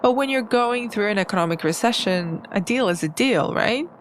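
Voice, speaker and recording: A woman's voice: mid-range voice, expressive, normal speed, slight background noise. A woman hosting a podcast, reading scripted narration. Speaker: podcast host.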